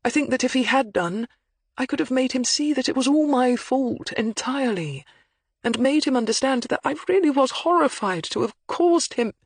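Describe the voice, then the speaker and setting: A reader doing a wavering older academic. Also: male voice, very high voice, expressive, moderate pace, slightly rough, no echo, pitched above the performer's own voice, exaggerated voice. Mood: pained, defensive. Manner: wavering, hesitant, apologetic. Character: older male academic, emotional and defensive.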